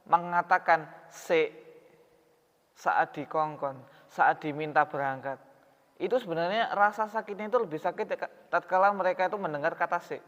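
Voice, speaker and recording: A man's voice: a little high, a bit bright. A man preaching a sermon in a mosque hall, talking in a conversational way and asking his audience questions. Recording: reverberant hall, dull sound.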